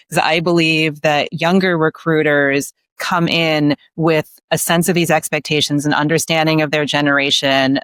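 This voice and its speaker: A middle-aged woman with a low, slightly bright voice appears as a podcast guest; she researches the staffing industry. Her commentary is candid and conversational, chatty and full of asides, captured in a dry recording.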